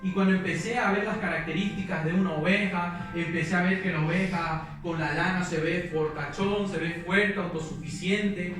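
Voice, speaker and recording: A young man with a fairly high voice preaches in a church, sharing his story earnestly and with feeling. He sounds distant from the mic, and his words ring through a very echoey hall. Soft music plays underneath. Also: fairly even intonation, normal speed, hardly any pauses. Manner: earnest, emotional storytelling with quoted prayers. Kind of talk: sermon with personal testimony.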